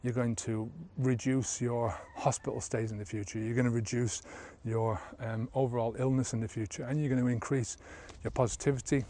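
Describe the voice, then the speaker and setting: A man's voice: mid-range voice, steady tone, brisk, hardly any pauses, warm tone. 50ish guy vlogging on a trail, camera held out, lots of ums and you knows. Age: about 50. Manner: rambling, heavy with fillers. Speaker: sobriety coach. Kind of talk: casual vlog talk while walking. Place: outdoor scrubland trail. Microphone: handheld camera at arm's length.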